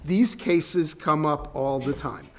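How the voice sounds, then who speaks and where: Measured, deliberate male law lecturer. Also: fairly high pitch. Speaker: law professor. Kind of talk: academic lecture. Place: lecture hall.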